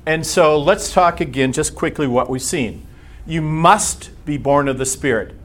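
A man's voice: on the high side, a little slow, fairly bright tone. American man teaching an informal Bible class. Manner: conversational, rhetorical questions, acts out imagined reactions. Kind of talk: informal teaching talk to a church group.

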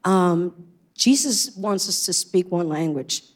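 Speaking slowly in a lowish voice with lively intonation, this middle-aged woman gives her personal testimony as a church member. She is from Puerto Rico, speaks Spanish natively, and has a Puerto Rican accent; her manner is earnest and reflective, sprinkled with many ums.

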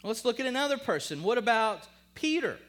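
A man preaching a sermon, emphatic and rhetorical, calling on the congregation, then lowering to a hushed voice when reading scripture. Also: sing-song, brisk. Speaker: pastor.

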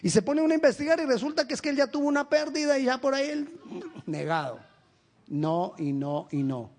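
A man from Colombia preaching a sermon as a pastor, emphatic and direct, with rhetorical questions and lively stories. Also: extremely high pitch. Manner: animated storytelling with quick asides.

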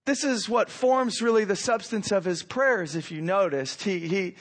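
A man giving an informal sermon as a pastor, conversational and repeating phrases for emphasis, his voice froggy and hoarse with a cold. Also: sits high, moderate pace, fairly bright tone. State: hoarse from a cold, clearing throat. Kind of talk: sermon, informal teaching with scripture reading.

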